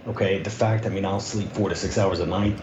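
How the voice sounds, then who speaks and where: A man chatting casually as a podcast co-host in a halting, dry, bantering way, sounding as if he is inside a car wash. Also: sits low, steady tone. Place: echoey room with whirring background noise. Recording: roomy, dull, noisy whirring like a car wash.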